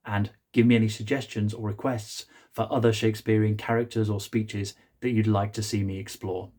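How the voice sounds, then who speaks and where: A man speaks as an acting coach addressing his viewers. His voice is fairly low, mellow and husky. He articulates deliberately and uses emphatic pauses as he explains. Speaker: acting coach presenting a video series. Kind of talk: scripted talk to camera promoting acting lessons.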